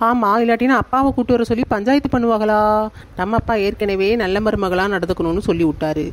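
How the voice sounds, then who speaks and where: A fast, mid-pitched cartoon daughter-in-law, played by a woman, sleepy and defiant. She talks back and grumbles asides in Tirunelveli Tamil. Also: fairly even intonation, natural voice. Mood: cheeky. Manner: sassy, muttering asides.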